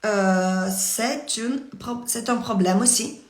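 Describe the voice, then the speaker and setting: Woman English teacher on a live stream, halting delivery, roomy laptop-mic sound. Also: a little high. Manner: halting, many fillers and restarts. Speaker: English teacher coaching parents.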